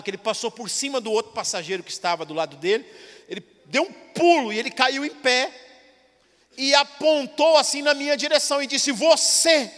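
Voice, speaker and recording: A male pastor tells a personal story from the pulpit, animated and emotional, acting out every exchange. His voice sits very high and sounds bright and sharp. A long church-hall reverb trails behind his words. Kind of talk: sermon testimony storytelling.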